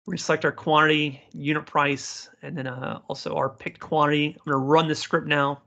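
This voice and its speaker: A man giving an informal live software tutorial, speaking to learners directly and encouragingly as their instructor. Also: a little high, flat delivery, brisk, vocal fry, highs cut off. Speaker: software instructor, community presenter.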